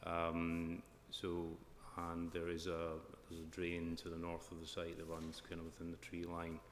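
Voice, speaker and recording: A man with a broad Scottish accent gives formal expert answers. His voice is low and flat in intonation. It is recorded in a reverberant room with noise behind it. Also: measured pace. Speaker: flood risk and drainage consultant giving evidence. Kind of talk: formal question-and-answer evidence at a planning inquiry. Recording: echoey hall with clear background noise.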